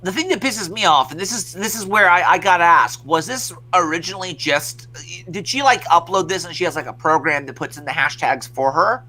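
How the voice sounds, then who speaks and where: A man's voice: high-pitched, a little fast, pushed and bright. A man hosting a podcast, ranting casually with lots of swearing and restarts. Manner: rambling, profane, many restarts. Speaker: podcast host. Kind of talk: casual profane podcast rant.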